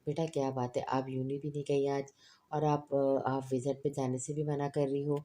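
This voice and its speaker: A woman reading the lines of a kind, loving middle-aged father in a storybook, speaking in a gentle, coaxing way. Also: a bass voice, flat delivery.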